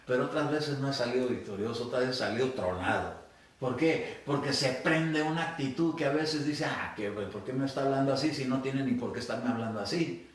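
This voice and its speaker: Spanish-speaking male pastor in echoey hall. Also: mid-range voice. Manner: storytelling with hesitant restarts and quoted dialogue. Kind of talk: sermon. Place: church hall. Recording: echoey hall, distant mic.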